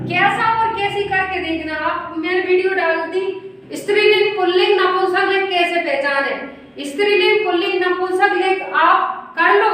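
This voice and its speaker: High-voiced woman teacher in an echoey room. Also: a bit bright, recorded from a distance. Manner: drills word forms aloud, checks in with "okay?". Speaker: Sanskrit teacher. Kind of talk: classroom grammar lesson.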